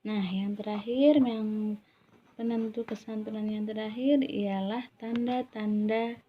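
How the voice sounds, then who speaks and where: Young woman student presenting class material, steady and explanatory, recorded on a dull lo-fi mic with faint noise. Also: mid-range voice. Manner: measured, explanatory, with self-corrections.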